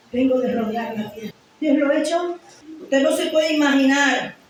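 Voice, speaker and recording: A very high-pitched woman preaches a fervent sermon, much of it shouted, some of it sunk into low, hushed lines. Her voice rings through a very echoey church hall and reaches the mic from a distance over a faint hiss of noise. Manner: impassioned preaching, mostly shouted, dropping to low hushed tones.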